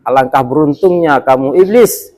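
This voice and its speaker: A man voicing a solemn male prophet who sets out terms in a measured, admonishing way. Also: a little high, a little mellow, lightly acted.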